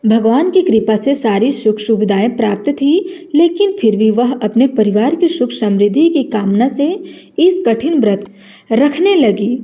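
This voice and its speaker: Woman telling a devotional story, steady and earnest, bit high pitched.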